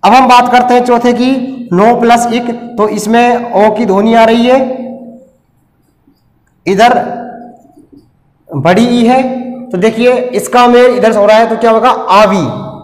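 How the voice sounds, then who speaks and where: A man's voice: very high voice, steady tone, slow pace, pauses often. A man with a Rajasthani Hindi accent teaching a grammar lesson, explaining step by step and often checking that the class follows. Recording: echoey room with long reverb.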